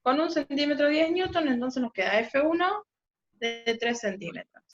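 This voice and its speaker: A woman's voice: sits high, animated, normal speed, faint music behind. A woman teaching a physics class over a video call, explaining step by step and often checking in with the students. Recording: muffled video-call audio, faint noise.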